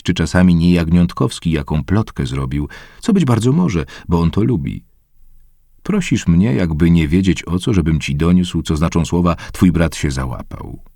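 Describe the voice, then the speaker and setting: A man reading an old personal letter aloud in a conversational, expressive way. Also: sits low, no echo, clean studio sound.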